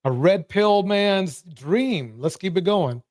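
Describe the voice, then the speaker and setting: A man's voice: sits high, expressive, slow pace, a little mellow. A man giving chuckling, wry reaction commentary as co-host.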